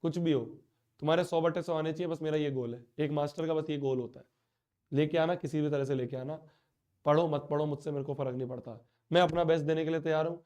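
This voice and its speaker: Young man, online teacher mid-class; higher-pitched, soft warm tone; stuffy nose and sore throat; wounded, repetitive. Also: fairly even intonation, fast. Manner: hurt, pleading, repeats himself. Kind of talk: live class address to students.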